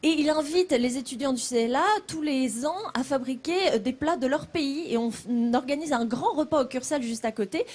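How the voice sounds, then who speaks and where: A woman reporting live from a city street for a TV news show, lively and chatty. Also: sits high, brisk, few pauses. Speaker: field reporter. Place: outdoors in a city center.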